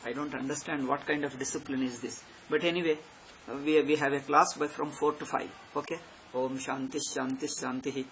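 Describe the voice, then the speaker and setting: A South Indian man with a fairly high voice delivers an unscripted religious discourse. He is emphatic and repetitive, pressing his points like a teacher, with faint noise behind him. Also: little pitch movement, a little fast, fairly bright tone, low-quality recording. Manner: emphatic, repetitive exhorting with tag questions. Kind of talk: spiritual discourse, extempore. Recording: background noise.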